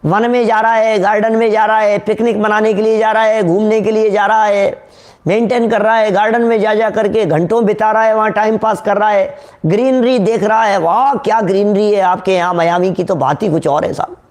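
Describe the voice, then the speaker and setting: A man giving a devotional sermon, asking his listeners questions and sometimes singing verses slowly. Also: high voice, steady tone, a little mellow. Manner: rhetorical, questions the audience, sings verses slowly. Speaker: Jain preacher.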